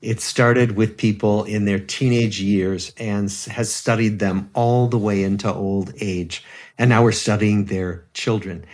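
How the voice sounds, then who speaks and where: A man in his seventies, a psychiatrist guest on a podcast, explaining things in a calm, measured way. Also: lowish voice. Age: 70s. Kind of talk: podcast interview.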